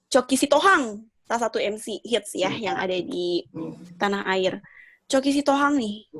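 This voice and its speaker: A woman with a fairly high voice leads an informal training talk. She addresses learners in an encouraging, conversational way and often puts questions to them. The sound is close and dry, with very little room in it. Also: no room sound. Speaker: public speaking trainer.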